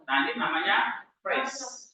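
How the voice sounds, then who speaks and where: Slow-talking male teacher in a roomy classroom. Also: sits high, very animated, sharp tone. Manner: quizzes the class, frequent "eh" fillers. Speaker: Greek language teacher. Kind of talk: classroom grammar lesson. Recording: roomy, dull classroom recording.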